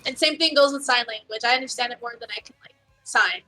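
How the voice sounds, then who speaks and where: A woman's voice: fairly high pitch, quick pace, sharp tone, soft background music. A woman guest on a casual talk show, giggly and teasing as she chats.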